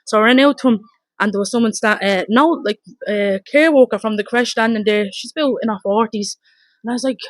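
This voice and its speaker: A woman with a Dublin accent giving a blunt, rapid, emotional first-hand account, swearing and re-enacting her shouts, outdoors in front of her home. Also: on the high side, dry recording. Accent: Dublin Irish. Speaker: mother telling her story.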